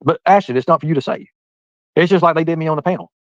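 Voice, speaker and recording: A man in his forties rattles along quickly in a casual live-stream chat, rambling and addressing viewers one by one. His voice sits at an ordinary pitch. The sound is dry and a little dull, like lo-fi stream audio. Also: dry recording. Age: 40s. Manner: rambling, talks straight to viewers by name. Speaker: livestreamer reading chat.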